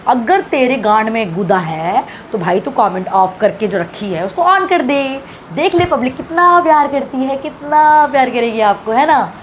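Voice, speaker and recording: Angry high-voiced woman ranting. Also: animated, normal speed, slight background noise. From Bihar, India. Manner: heated, swearing, indignant. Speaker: social media creator. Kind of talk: angry reaction rant.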